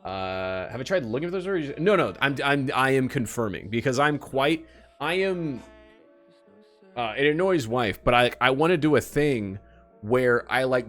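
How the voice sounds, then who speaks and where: Streamer, late twenties, lively up-and-down voice, rambling self-mocking banter, faint music under it. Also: male voice, mid-range voice. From United States. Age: late 20s. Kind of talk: casual chat while gaming.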